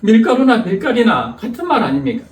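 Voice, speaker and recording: A man's voice: very high voice, very animated, fairly quick, far from the mic, pitched above the performer's own voice. A man voicing an exasperated husband who asks the same incredulous question again and again, heard in an echoey church hall. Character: exasperated middle-aged husband questioning a neighbor.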